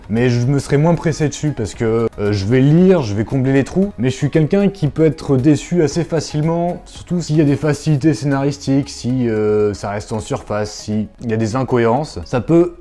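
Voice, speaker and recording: A man with a mellow, warm tone talks straight to his viewers in a relaxed vlog review. He rambles a little, fills gaps with hesitations and keeps an easygoing, conversational flow. Soft music runs faintly behind him. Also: medium pitch. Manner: chatty, digressive, frequent fillers; addresses viewers directly. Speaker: manga YouTuber.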